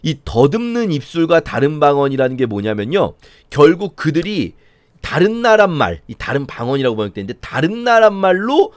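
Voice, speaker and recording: Lively Korean pastor, dry close sound. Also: male voice, on the high side, normal speed, no room sound. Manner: conversational, acts out mocking voices of the scoffers. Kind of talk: sermon-style Bible reading commentary.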